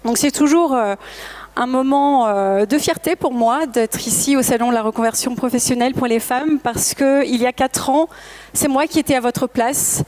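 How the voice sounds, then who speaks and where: A native English-speaking woman who founded a language school gives a presentation in French at a professional trade fair. Her voice is high-pitched with a darkish tone at normal speed, and she speaks earnestly and motivationally, addressing the audience directly, with occasional hesitations and self-corrections.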